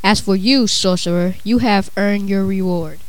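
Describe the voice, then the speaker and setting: A woman voicing a haughty male usurper lord in a measured, lordly way for a storybook tale. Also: medium pitch, no room sound, close to an everyday voice, low-quality recording. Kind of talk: dramatised storybook reading.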